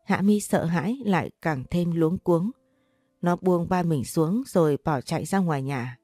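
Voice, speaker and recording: A woman reading a sad story aloud in a steady, measured way. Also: fairly low pitch, no room sound, studio quality. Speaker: narrator. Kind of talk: scripted story narration.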